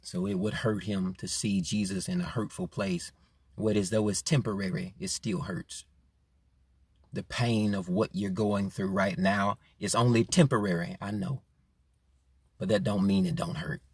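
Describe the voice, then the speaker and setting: A man preaching a sermon with passion, repeating his phrases and swinging from quiet to loud. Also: deep voice, fairly even intonation, a little slow, slightly rough, no room sound. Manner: impassioned, repeating phrases, rising and falling in force.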